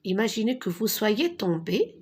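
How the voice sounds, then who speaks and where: A woman teaching a reading lesson to young children, speaking slowly and deliberately and repeating words for pupils to echo. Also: mid-range voice, sing-song, a little mellow, husky.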